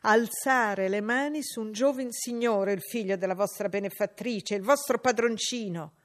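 A woman reading an audiobook voices an indignant maidservant, scolding loudly. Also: medium pitch, moderate pace, lightly acted. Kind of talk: audiobook character voice.

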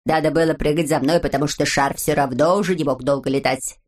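A woman voicing a calm, clever little boy who speaks in a level, reasoning way in a storybook. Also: sits low, quick pace, voice pushed down.

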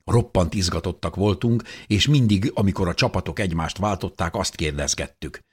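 A man reading a first-person audiobook narration in an expressive voice that rises with tension. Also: deep voice, slightly rough.

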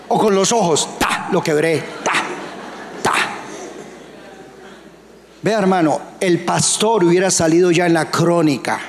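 Colombian pastor, male, high gravelly voice, emphatic sermon, long church-hall reverb. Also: a little hiss or hum. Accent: Colombian Spanish. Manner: emphatic, rhetorical questions to the congregation.

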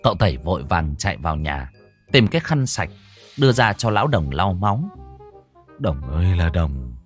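Lively male story narrator. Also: deep voice, a little fast, faint music behind. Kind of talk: audiobook narration.

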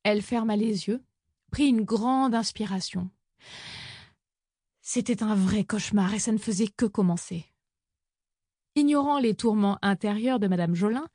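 A woman narrating an audiobook story in an even, measured reading on a close microphone. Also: mid-range voice, no echo.

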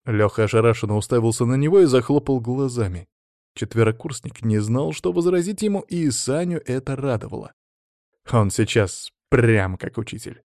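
A male audiobook narrator with a mid-pitched voice and a steady, even storytelling manner. The sound is dry and close, with no room around it. He reads in a plain, measured way. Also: dry recording. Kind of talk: scripted narration.

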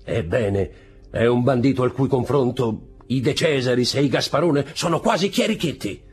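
A man's voice: medium pitch, expressive, normal speed, slightly rough, faint music behind, pitched above the performer's own voice. A man voicing an obsequious Roman innkeeper in an audiobook reading, deferential and warning. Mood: insistent.

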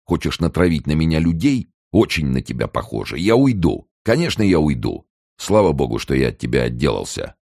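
A man's voice: very deep voice, sing-song, brisk, gravelly, a little mellow, breathy edge, no room sound, studio quality, voice pushed up, exaggerated voice. A man reading an audiobook and voicing a selfish, cowardly young male student in a nervous, wheedling manner. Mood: contemptuous. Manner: anxious, wheedling, turning nasty.

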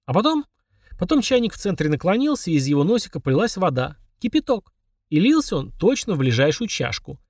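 A man narrating an audiobook with a somewhat high voice. His reading is lively, and he pitches up for the characters. The sound is dry and close, with no room around it. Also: no echo, far from the mic. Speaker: audiobook reader. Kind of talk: scripted narration.

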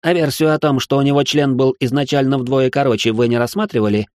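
A man's voice: fairly even intonation, fast, no room sound, clean studio sound, lightly acted. A man voicing a prissy young male aristocrat who is easily shocked and talks in a whiny, exasperated way, in a comic storybook reading. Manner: whiny, exasperated, high strained voice.

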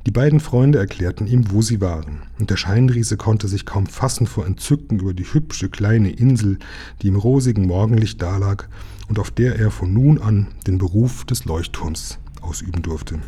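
A man narrating a children's storybook aloud in a calm, even reading. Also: lowish voice, moderate pace, breathy edge. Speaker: audiobook reader.

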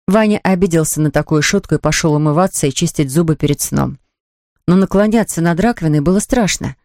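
Low-voiced woman reading a storybook. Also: dry recording, clean studio sound. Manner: steady, descriptive. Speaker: narrator. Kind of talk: storybook narration.

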